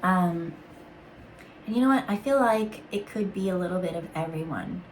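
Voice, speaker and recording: A woman reading intuitive cards in a casual, musing way, halting with fillers and restarts. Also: fairly low pitch, animated, a little hiss or hum, poor audio. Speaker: intuitive card reader. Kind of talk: casual spiritual card reading.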